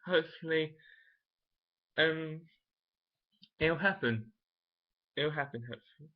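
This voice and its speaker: A man's voice: a little high, slow pace. A young man chatting casually to camera in a vlog, rambling and thinking aloud with frequent restarts. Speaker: vlogger. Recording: dull lo-fi home recording.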